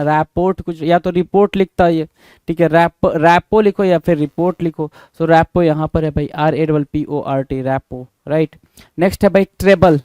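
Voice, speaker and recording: Brisk man spelling words. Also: fairly high pitch, darkish tone, smooth, dry recording. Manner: brisk, repeats and spells words letter by letter, calls listeners bhai. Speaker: exam prep teacher. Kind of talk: spelling quiz walkthrough.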